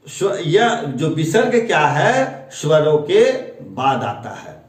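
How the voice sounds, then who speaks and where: A man teaching a grammar lesson in a high, lively voice that rises and falls a lot. He talks slowly and repeats his examples step by step. The sound is very echoey and comes from a mic well away from him. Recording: very echoey room, distant mic.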